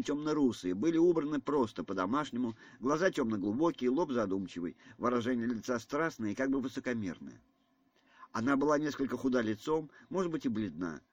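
A man reads the narration of an audiobook at a measured, even pace. His voice sits at a middle pitch, and the close, dry recording has no room echo. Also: dull audio. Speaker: audiobook reader. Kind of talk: scripted narration.

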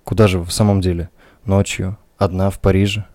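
A calm, steady man speaks in a low, level voice, as the narrator reads his lines. His words come measured and unhurried, with little rise and fall. The sound is close and dry. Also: dry recording, close to an everyday voice.

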